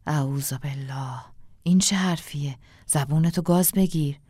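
A woman doing a grave, hushed old village woman. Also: low-pitched, no echo, clean studio sound. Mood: alarmed. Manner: slow hushed murmuring.

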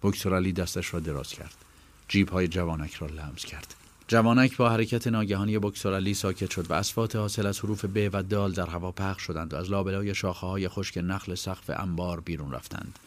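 Calm low-voiced male narrator. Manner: calm, measured storytelling. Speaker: audiobook narrator. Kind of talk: scripted narration.

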